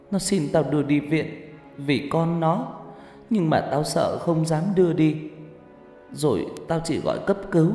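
A man's voice: on the high side, darkish tone, pitched above the performer's own voice. A man voicing a frightened, guilt-ridden young woman who stammers and pleads through tears. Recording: echoey reverberant room, faint music.

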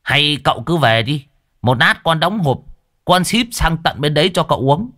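Guy doing a scaredy old man, high squeaky voice, stammers and jokes around, dry sound. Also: lively intonation, normal speed, sharp tone, no room sound. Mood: boastful teasing. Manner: stammering, wheedling, jokey. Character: old man, jittery, boastful and cowardly.

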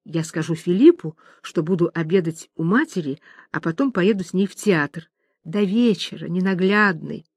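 A woman's voice: lowish voice, expressive, normal speed, a little mellow, husky, no echo. Woman reader as a sly society lady, theatrical and coaxing; dry close sound. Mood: intimate. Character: elegant, quick-witted lady of the house.

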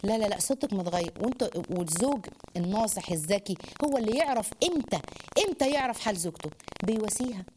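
A woman with an Egyptian Arabic accent giving a religious lesson on marriage, animated and acting out quotes in dialogue. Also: medium pitch, fast talker, noisy background. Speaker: Islamic lecturer.

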